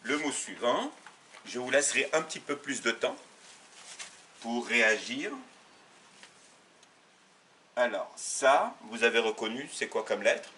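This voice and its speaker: A man teaching a beginners' language lesson, patient and methodical, repeating sounds slowly and correcting himself as he goes. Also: medium pitch, expressive, sharp tone, far from the mic, a little hiss or hum. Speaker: Arabic teacher. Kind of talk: step-by-step lesson for learners.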